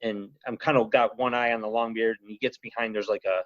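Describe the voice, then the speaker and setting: A man's voice: on the low side, fast talker, no echo. Brief: male podcast guest, rambling storyteller, dry close sound, a bit muffled. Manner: rambling, animated, lots of "you know" and "he goes". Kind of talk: casual storytelling. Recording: slightly muffled podcast audio.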